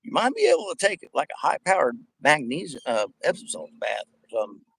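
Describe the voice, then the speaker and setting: A man's voice: on the high side, huge pitch swings, fast, creaky, fairly bright tone, husky, dry recording, low-quality recording. A man with missing front teeth in a casual, profanity-laden rant, talking in a rambling, emphatic, repetitive way. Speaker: vlogger addressing viewers.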